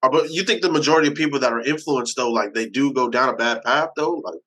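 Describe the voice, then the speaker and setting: A man's voice: medium pitch, fast, sharp tone, poor audio. A man in casual chat, talking earnestly and hedging his points. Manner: earnest, hedging with "like" and "you know".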